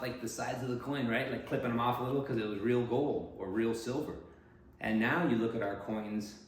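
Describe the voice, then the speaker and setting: A man, a political candidate, musing in a rambling, digressive monologue with frequent "right?" checks. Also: medium pitch. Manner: digressive, musing, tag questions. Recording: echoey room.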